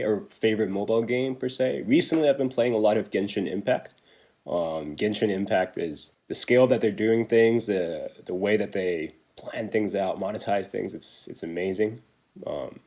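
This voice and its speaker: A man's voice: lowish voice, darkish tone. A young man, a business development manager, answering interview questions casually over a video call, with plenty of fillers and restarts. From Taiwan. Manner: chatty, many fillers and restarts. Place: remote video call, at home.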